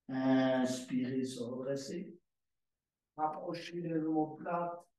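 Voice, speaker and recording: A man teaching a yoga class, calling out poses and breath cues in slow, drawn-out repetitions. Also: a little high, dark tone. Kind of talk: guided yoga class instruction. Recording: very echoey room, voice from far off the mic.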